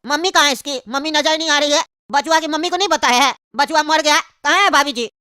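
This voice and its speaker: A woman's voice: high voice, fast talker, sharp tone, no echo, clean studio sound. A woman voicing a nosy, gossiping male neighbour in a cartoon comedy, over-sympathetic.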